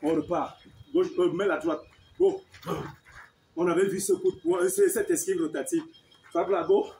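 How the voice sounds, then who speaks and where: A high-voiced male martial arts teacher leads a partner through defensive drills. He counts each move aloud and keeps checking in with a quick "hein?". The sound is roomy, with a faint hiss behind it. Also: wildly swooping pitch, creaky, mellow. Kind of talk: combat technique demonstration. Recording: echoey room with faint noise.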